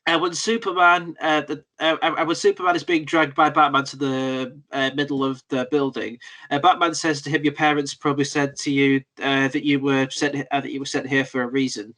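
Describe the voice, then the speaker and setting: Young man, bright voice, slightly high pitch, hesitant, lots of fillers, casual film chat. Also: little pitch movement, fairly quick. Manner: hesitant, many "uh" fillers and restarts. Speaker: radio show co-host.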